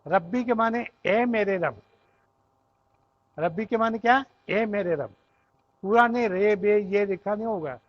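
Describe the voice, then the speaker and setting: High-voiced man teaching grammar, lo-fi. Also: pauses often. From Pakistan. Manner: explains patiently, often checks with "theek hai?". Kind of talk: classroom lecture.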